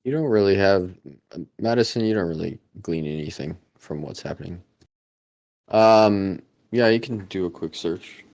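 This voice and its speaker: A man narrating a tabletop game as dungeon master, talking in a relaxed way with many pauses and fillers. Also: low voice.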